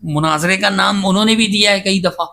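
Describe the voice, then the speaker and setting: A man's voice: high-pitched, gravelly, sharp tone. A man speaking as a guest scholar in a podcast interview, insistent and emphatic as he defends himself at length. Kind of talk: casual debate-style interview talk.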